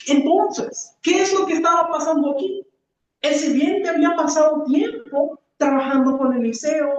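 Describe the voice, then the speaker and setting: A woman preacher giving an earnest teaching sermon, often pausing on rhetorical questions. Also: high-pitched, darkish tone. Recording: echoey, distant, dull room recording.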